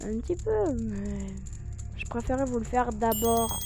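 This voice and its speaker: A woman with a hoarse, strained throat, hosting a casual let's play in informal, youthful slang. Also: fairly high pitch, fairly even intonation, a little slow, over music. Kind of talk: casual game commentary, reading dialogue aloud.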